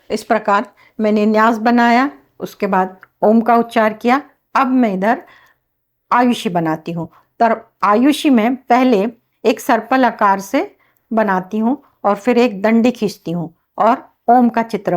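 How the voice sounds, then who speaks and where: Slow-spoken woman teaching a healing method. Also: a little high. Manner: slow, instructive, step-by-step explaining.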